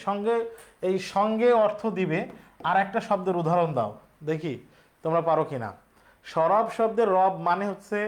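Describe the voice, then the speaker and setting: High-voiced man teaching a live class. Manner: explains step by step, repeats key words, asks questions; reads example sentences slowly with a rising tone. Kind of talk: live online exam-prep class.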